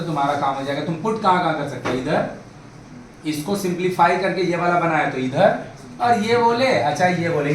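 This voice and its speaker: High-voiced man teaching math in echoey room. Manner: coaxing, asks students questions, calls them "babu" and "bhai". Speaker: math tutor. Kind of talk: classroom math lesson in Hindi-English mix. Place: classroom with students. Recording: echoey room, mic far off, faint background noise.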